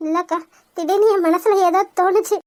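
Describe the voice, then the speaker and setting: A tearful, gentle widowed mother in a cartoon, played by a woman. The voice is extremely high, thin and almost childlike. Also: steady tone, a little fast, no echo, studio quality. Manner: emotional, gentle. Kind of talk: cartoon voice acting.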